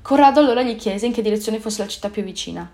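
Calm woman reading a story aloud. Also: fairly high pitch, fast. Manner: calm, even storytelling with small self-corrections. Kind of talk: scripted story narration.

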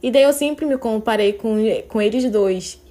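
A woman's voice: on the high side, moderate pace, warm tone. Candid young woman podcaster. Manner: emotional, candid, tearful at times. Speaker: podcast host. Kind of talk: personal confessional podcast.

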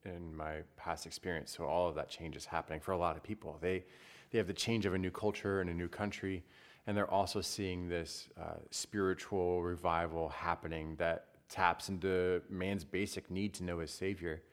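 A man's voice: deep voice, level tone, moderate pace. A man, a Protestant pastor, talking in a casual discussion, thoughtful and hedging with fillers.

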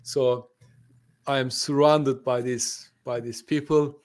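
A Turkish-born man, a native Turkish speaker who lives in the UK and owns a translation company, talks as a guest in a conversational podcast interview. He's friendly but hesitant, with many fillers and restarts. His voice is medium-pitched, steady, slow and a little mellow.

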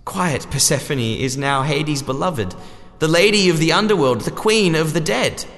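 A man's voice: a little high, expressive, normal speed, fairly bright tone, long reverb tail, voice pushed up. A man voicing a lordly male sun god who speaks in stately rhymes. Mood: grave. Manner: rhyming, stately speech.

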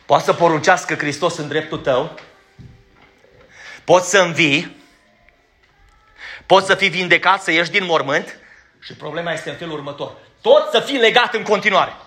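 In a church, a man preaches an emphatic, blunt sermon, putting direct questions to his congregation. His voice is fairly high and sharp, and he sometimes stumbles over his words when he rushes.

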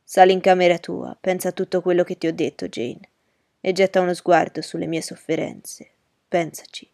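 An actor playing a brooding, anguished gentleman pleading with the woman he loves, in a radio drama with a gravelly voice. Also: sits high, moderate pace, no echo, clean studio sound. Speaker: Mr Rochester.

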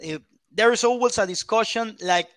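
A man from Ecuador, a football pundit in an interview, halting as he searches for English words. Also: sits high, fairly bright tone, dry recording.

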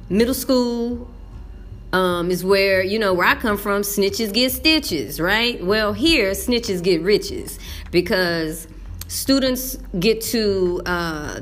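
A woman teacher from Texas talks casually to camera about middle school, folksy and emphatic, slipping into the voices she uses in class. Her mid-range voice is a bit bright.

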